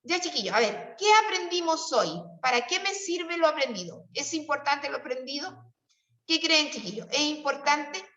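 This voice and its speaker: High-voiced Chilean woman teacher, roomy distant sound. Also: animated, moderate pace, pushed and bright. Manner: patient, questioning, coaxing students. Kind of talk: classroom teaching.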